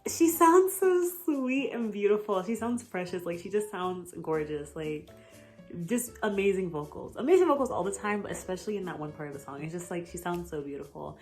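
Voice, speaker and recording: A woman's voice: fairly low pitch, expressive, brisk, darkish tone, faint music behind. A young American woman chatting casually in a vlog, rambling and gushing with lots of fillers and giggles. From United States. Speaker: vlogger. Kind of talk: casual chat.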